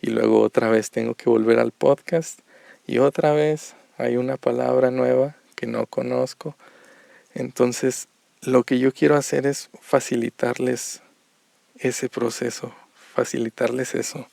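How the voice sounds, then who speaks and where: A Mexican man with a very gravelly, creaky voice teaches Spanish on a podcast. He takes it slowly and repeats each point with example after example. The recording is dry and close. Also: medium pitch, level tone, warm tone, dry recording. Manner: slow, repetitive explanations with examples. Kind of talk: podcast lesson for learners.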